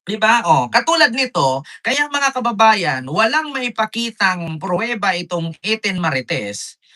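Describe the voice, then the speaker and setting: A man's voice: high-pitched, sing-song, a little slow. A man doing live political commentary for his viewers, retelling an argument in combative back-and-forth quotes and speaking straight to his audience. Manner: addresses viewers directly, gives shoutouts. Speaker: political vlogger.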